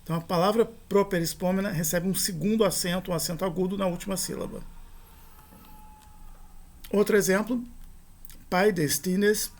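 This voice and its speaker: A man with a high voice lectures on grammar. He explains each rule step by step, repeating the key terms. He slows right down to sound out every example word. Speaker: teacher.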